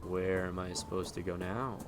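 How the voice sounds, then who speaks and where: A man streaming a horror game with excitable, jokey commentary and mock-scared outbursts. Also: sits low, moderate pace. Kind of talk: lively gameplay commentary, reading game text aloud. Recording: music behind the voice. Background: game music.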